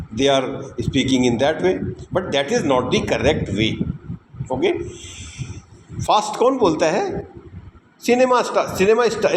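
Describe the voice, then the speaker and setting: A man with an Indian accent teaching spoken English, stressing each word deliberately and switching between Hindi and English. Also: on the high side. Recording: echoey room with background noise.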